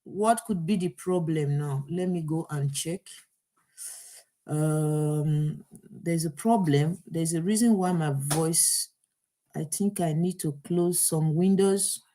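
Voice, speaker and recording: A woman speaks slowly in a low, dark voice while hosting a live online talk show through an earpiece mic. Flustered by technical trouble, she works through it aloud with many fillers and restarts.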